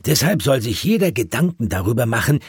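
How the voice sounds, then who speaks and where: A man's voice: mid-range voice, big pitch swings, brisk, a little mellow, breathy edge, no echo, clean studio sound, voice pushed up. A man voicing a kindly old grandfather hedgehog in a storybook reading. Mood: genial. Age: older.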